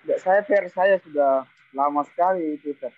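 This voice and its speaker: A man's voice: on the high side, no room sound, narrow, tinny audio. A male student asking his teacher questions during an online lesson. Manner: asks questions quickly.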